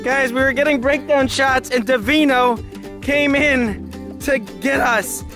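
A young man, a family vlogger, talks excitedly to the camera in a backyard chicken coop. He is playful and animated and keeps calling the viewers guys. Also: very high-pitched, slow pace. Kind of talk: excited vlog talk to camera. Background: background music.

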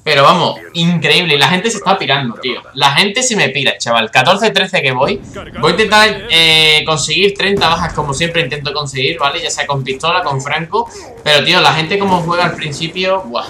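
A man with a Spain Spanish accent giving excitable, swearing live commentary over his own gameplay, with bursts of frustration. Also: on the high side, moderate pace, roomy sound. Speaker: gaming YouTuber.

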